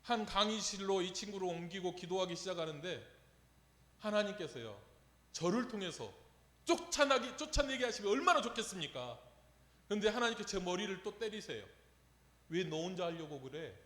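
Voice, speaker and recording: A pastor with a high, bright, forceful voice preaches with great animation and a fairly quick pace, telling a story and asking rhetorical questions of the congregation. The sanctuary's long reverb fills the recording.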